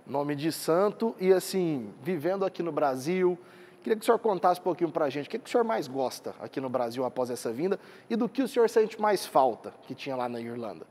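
Husky reporter in a reverberant room. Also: male voice, fairly high pitch, expressive, fairly quick, darkish tone. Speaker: TV reporter interviewer. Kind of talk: TV interview.

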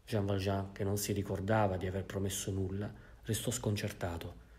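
Measured Italian male audiobook narrator. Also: low voice, little pitch movement, darkish tone. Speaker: audiobook reader.

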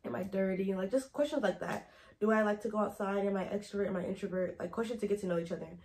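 A young college woman vlogging to her camera gives advice in a casual, chatty way, rambling and getting easily sidetracked. Her mid-range voice is fast with a darkish tone.

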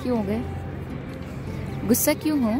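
A woman's voice: a little high, normal speed, music in the background. A woman in her thirties chatting playfully to her phone camera on a family road trip, mixing English words into her talk. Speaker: family vlogger. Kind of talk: casual travel vlog chat. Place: outdoors at a roadside restaurant garden, then in a car. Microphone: phone held at arm's length.

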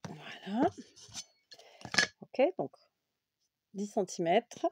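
A woman's voice: medium pitch, moderate pace, heavy background noise. A woman hosting a casual scrapbooking tutorial, chatty and full of fillers, correcting herself as she works at a craft table.

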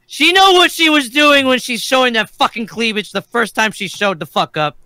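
A man co-hosting a podcast, chatting casually and crudely, acting out quick jokey bits. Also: extremely high pitch, bright, forceful tone, smooth, no echo. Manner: crude, jokey, acts out bits in put-on voices. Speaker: podcast co-host. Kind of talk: casual comedic chat.

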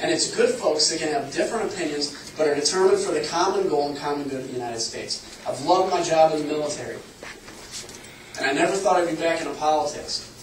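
A man's voice: on the high side, fairly quick, slight background noise. A man in his thirties from Illinois, giving a campaign speech at a town hall in an earnest, conversational way. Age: 30s. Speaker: congressional candidate. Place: public meeting room. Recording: echoey room, far from the mic, faint ambience.

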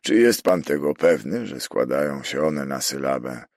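Brief: male narrator as an agitated prefect, emphatic and husky, dry close sound. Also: a bass voice, expressive, moderate pace, darkish tone, no room sound, heavily acted. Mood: urgent. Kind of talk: audiobook character reading.

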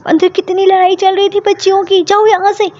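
A stern middle-aged mother who scolds loudly, as a woman storyteller acts her out. The voice is high and slightly gravelly. The sound is dull and lo-fi. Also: steady tone, moderate pace. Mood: angry. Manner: scolding, shouting.

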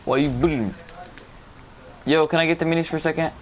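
A man's voice: fairly high pitch, steady tone, fairly quick, slight background noise. A young man chatting over a headset during an online game, teasing and swearing. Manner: profane, teasing. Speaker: gamer in voice chat. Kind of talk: casual gaming chat. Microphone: headset over online voice chat.

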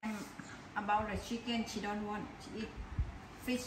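A woman's voice: medium pitch, flat delivery, moderate pace. A Thai woman with a Thai accent chatting casually in short, simple English while riding outdoors. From Thailand. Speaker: vlogger. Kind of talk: casual chat. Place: outdoors on a bike ride. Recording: outdoor recording with loud noise behind.

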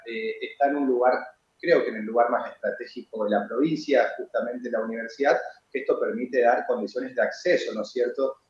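A man, a university rector explaining things in a measured way, with many hesitation fillers, on a TV interview over a video call from his office. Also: medium pitch. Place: office with flags and bookshelf. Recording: roomy, dull video-call audio.

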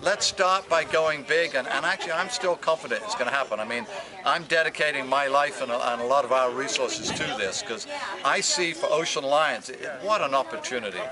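A man's voice: mid-range voice, a little fast, a crowd in the background. A man in his fifties who leads an ocean research group, talking earnestly and with enthusiasm in an outdoor interview, often restarting his sentences. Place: outdoors by a brick building and truck. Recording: outdoor street noise and voices.

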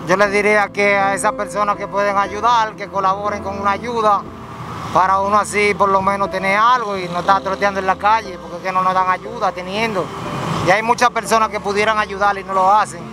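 High-voiced man making a plea. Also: little pitch movement, brisk, background noise. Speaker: windshield washer. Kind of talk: street interview answers. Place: outdoors on a busy street.

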